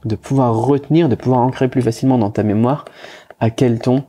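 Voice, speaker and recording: A man teaching Chinese tones, talking informally in a casual pitch for his course, repeating himself with many fillers and restarts. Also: steady tone, brisk, mellow. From France.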